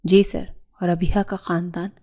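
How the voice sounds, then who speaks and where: A woman's voice: fairly low pitch, level tone, mellow, natural voice. Lady doing a polite assistant guy in a story, explaining stuff, darkish tone. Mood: urgent. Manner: respectful, explanatory. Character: loyal male assistant, dutiful and explaining.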